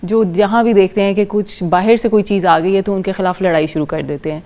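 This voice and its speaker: A woman's voice: mid-range voice, fairly even intonation, mellow. A woman with a Pakistani accent, a dermatologist guest on a TV show, explaining patiently with simple everyday comparisons. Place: TV studio.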